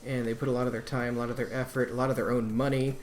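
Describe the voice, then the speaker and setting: Male Let's Play host, mid-range voice, easygoing and chatty, soft music underneath. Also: mid-range voice, flat delivery, racing. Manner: laid-back, rambling. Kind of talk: casual gameplay commentary.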